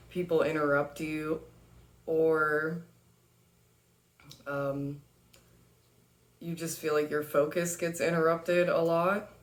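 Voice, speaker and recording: A low-pitched woman talks through a tarot reading in an unhurried, chatty way. She fills her sentences with little pauses and soft laughs. Her tone stays loose and conversational. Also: roomy sound. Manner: chatty, laughs easily, many fillers. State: has the hiccups. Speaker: tarot reader. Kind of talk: casual spoken tarot reading.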